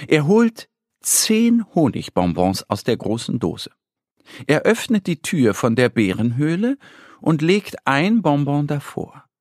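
A man narrating a children's story slowly, with a lively, storytelling delivery. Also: on the high side, dry recording, studio quality.

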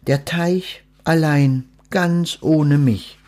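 A man voicing a small, curious female duck in a storybook reading, raising his voice softly and asking many questions. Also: fairly high pitch, extremely slow, voice pushed up. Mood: curious, wondering. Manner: raised, soft questioning voice.

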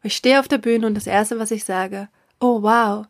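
A middle-aged woman telling a personal story with emotion, haltingly, with fillers and restarts, often dropping to a whisper for emphasis. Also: mid-range voice, dry recording, studio quality.

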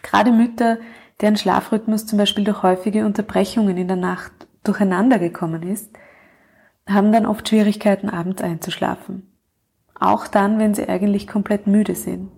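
A woman hosting a podcast with calm, measured scripted narration, addressing the listener directly. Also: medium pitch, vocal fry, breathy edge. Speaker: podcast host, coach for mothers.

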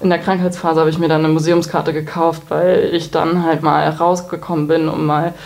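A woman in her thirties, a guest in a relaxed interview, telling her story openly and candidly with frequent restarts. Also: low voice, normal speed. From Germany. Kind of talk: conversational interview.

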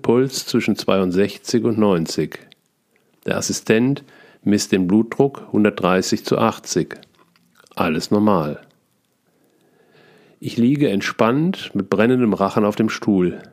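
A man reading his own memoir aloud in short, clipped first-person sentences, calm and steady. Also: lowish voice. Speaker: author reading his book.

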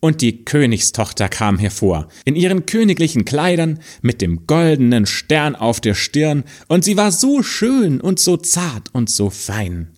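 A man reading a fairy tale aloud in a slow, expressive storytelling manner. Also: on the high side.

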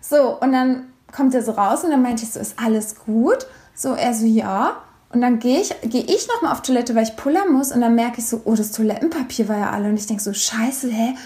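A woman's voice: a little high, fairly quick, dark tone. A young woman, co-hosting a podcast in casual chat and telling a funny story, acting out the quotes with big jumps in her voice. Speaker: podcast co-host.

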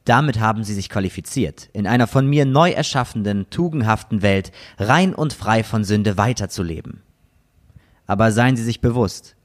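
A man's voice: lowish voice, lightly acted. A man voicing a cold sinister game master. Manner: solemn, measured pronouncements. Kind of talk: scripted villain narration.

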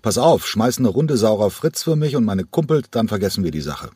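A man's voice: lowish voice, very animated, brisk, warm tone, slightly rough, no echo, studio quality, voice pushed up. A man reading an audiobook and voicing a drunk, rowdy male bar guest who taunts and picks a fight. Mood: taunting. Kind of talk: audiobook character voice.

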